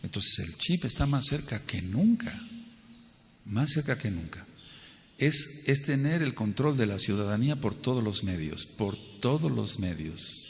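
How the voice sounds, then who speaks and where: A man's voice: fairly low pitch, big pitch swings, unhurried. A man teaching a Torah sermon, asking rhetorical questions and repeating phrases for stress. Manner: acts out quoted people with a raised voice. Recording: long hall reverb.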